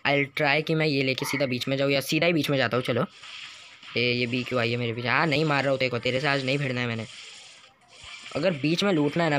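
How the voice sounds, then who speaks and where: A man giving live commentary over his mobile game, excitable, groaning and shouting at what happens on screen. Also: mid-range voice, a little hiss or hum. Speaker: gaming YouTuber.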